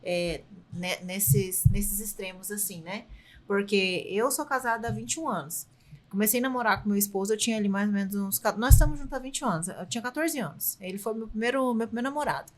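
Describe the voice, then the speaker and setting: A woman's voice: medium pitch, brisk. A woman in her thirties with a Brazilian Portuguese accent, a photographer telling personal stories as a panel guest. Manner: warm personal storytelling with frequent "né". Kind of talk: casual panel discussion.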